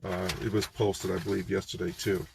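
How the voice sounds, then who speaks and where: A man's voice: low-pitched, flat delivery, brisk, creaky, background noise. A man running for office, talking to camera in a loose, conversational campaign vlog, with many ums and restarts. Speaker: political candidate.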